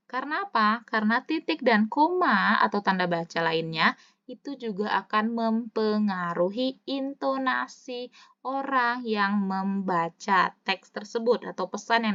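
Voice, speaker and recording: A woman teacher talks through a recorded lesson at an even, mid-height pitch. She slows right down to read example sentences aloud, then drops back into casual, chatty asides. The audio is slightly dull and lo-fi. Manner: stretches words slowly when demonstrating intonation. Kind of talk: recorded online lecture.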